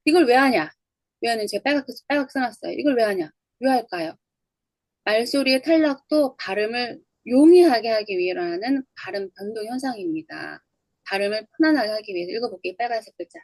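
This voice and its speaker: Woman, English teacher, patient drill-style explainer, gravelly and a touch high, dry close mic. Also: lively intonation, brisk, a little mellow, dry recording, poor audio. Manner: explains step by step, repeats words for drilling. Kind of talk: online lecture on English phonology.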